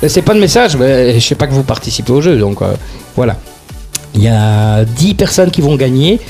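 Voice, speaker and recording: Un homme qui anime une émission de radio, plaisante et taquine ses collègues en parlant souvent par-dessus eux. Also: male voice, medium pitch, expressive, moderate pace, a little mellow. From Belgium. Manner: joking, teasing, talks over others. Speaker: radio show host. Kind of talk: casual banter on a radio show. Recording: music playing faintly behind.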